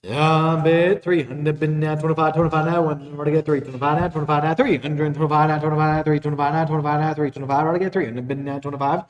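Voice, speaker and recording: A man's voice: a little high, flat delivery, fast talker, few pauses, dull audio. A man working as an auctioneer, calling bids in a repetitive, rhythmic auction chant. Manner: repetitive rhythmic bid calling between plainly announced lots. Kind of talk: rapid auctioneer chant with repeated bid calls. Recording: roomy echo, distant from the mic.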